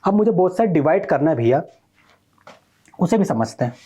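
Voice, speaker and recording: A man's voice: fairly high pitch, expressive, moderate pace, dark tone, slightly rough. A male math teacher giving a recorded online lesson, explaining step by step and quizzing his students as he goes.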